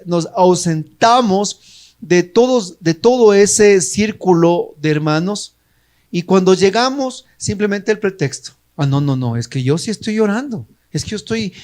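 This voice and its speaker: Man, preacher, high voice, emphatic, repetitive, sermon to prayer group. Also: darkish tone. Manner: emphatic, acts out quoted dialogues, repeats phrases.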